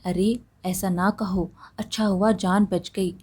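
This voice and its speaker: A woman voicing a meek, devoted young wife who is patient and kind, speaking softly and submissively. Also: medium pitch, fairly even intonation, takes it slowly, breathy edge. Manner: soft, submissive.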